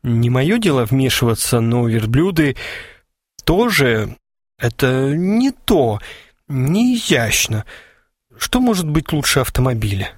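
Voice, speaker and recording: A man's voice: mid-range voice, sing-song, slow pace, no room sound, clean studio sound. A man voicing a stiff, strict society lady with a mincing, affected politeness, reading an audiobook. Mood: prim. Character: aristocratic older woman, prim, stiff and strict. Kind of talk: audiobook character voice.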